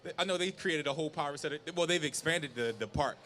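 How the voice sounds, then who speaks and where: A man hosting a relaxed conversational interview, asking his guests questions in an informal way. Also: on the high side, quick pace. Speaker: talk show host. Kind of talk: casual chat, interviewing.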